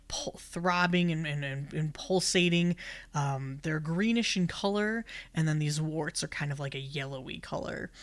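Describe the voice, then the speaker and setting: A man's voice: fairly high pitch, fairly bright tone. A man narrating as game master of a tabletop game, rambling with many ums and likes.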